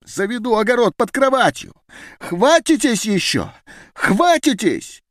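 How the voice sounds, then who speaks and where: An indignant male geneticist, voiced by a male audiobook reader, hurls his words in a high, animated voice. He sounds heated and declamatory, rising toward shouts, recorded close and dry. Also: a little slow, no echo, exaggerated voice. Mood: defiant. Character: agitated male geneticist defying a meeting. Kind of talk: audiobook character voice.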